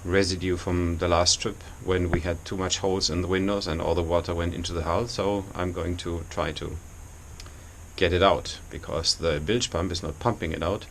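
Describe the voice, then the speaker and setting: A man who is a non-native English speaker gives an informal, halting walkthrough tour as a boat owner, explaining things as he goes. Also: deep voice, fairly even intonation. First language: not English. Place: small engine compartment inside a boat. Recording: clear background noise in engine room.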